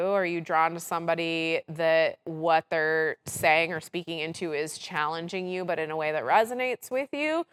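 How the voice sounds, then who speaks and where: Direct woman host with a lowish voice, chatty filler-heavy delivery. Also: clean tone. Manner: direct, animated, swears freely, laughs often; frequent "like" and "right?" fillers. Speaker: podcast host. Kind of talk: casual podcast conversation.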